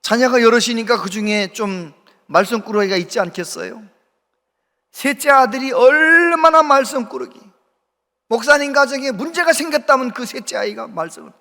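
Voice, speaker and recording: Man, pastor, sermon storytelling, high-pitched, reverberant church hall. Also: lively intonation, normal speed, pushed and bright. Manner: storytelling, acting out quoted voices. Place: church sanctuary.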